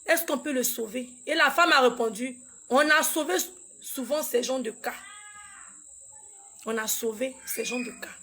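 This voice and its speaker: High gravelly-voiced mother telling a painful story. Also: bright, forceful tone. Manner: halting and repetitive, acts out dialogue. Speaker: grieving mother recounting a loss. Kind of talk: emotional personal storytelling.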